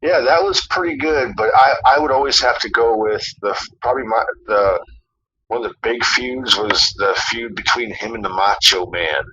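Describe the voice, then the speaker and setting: A man rambles through a story in casual podcast chat, full of fillers and the odd curse word. His voice sits a little low but sounds sharp and tense. The recording is dull and lo-fi, with faint noise underneath. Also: moderate pace. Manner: rambling, lots of fillers and swearing. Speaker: podcast co-host.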